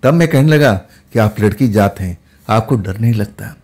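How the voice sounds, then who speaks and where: A man telling a first-person horror story in a steady, conversational way. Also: fairly low pitch, moderate pace, breathy edge.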